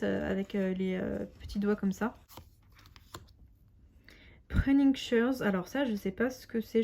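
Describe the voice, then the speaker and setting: A woman with a fairly high voice talks through an unboxing in a relaxed, chatty way. She is enthusiastic but often pauses and hesitates. Between comments she reads card names aloud and adds translations. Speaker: tarot and oracle deck reviewer. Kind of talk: casual unboxing narration.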